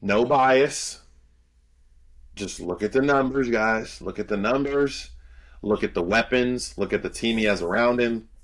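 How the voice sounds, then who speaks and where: A man's voice: medium pitch, a little slow. A young man co-hosting a sports podcast, breaking down players in loose, confident casual chat full of "um" fillers. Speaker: podcast co-host and college football analyst.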